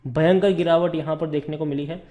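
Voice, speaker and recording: Male stock video host, fairly high pitch, warm mellow tone, chatty and emphatic. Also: fairly even intonation, fairly quick. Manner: conversational, repeats words for emphasis, calls viewers brother. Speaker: stock market commentator. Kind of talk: casual stock analysis over screen charts.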